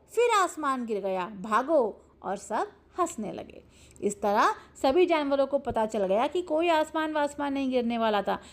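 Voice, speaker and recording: A woman teacher telling a story to children in a lively, animated way, retelling each part twice. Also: high voice.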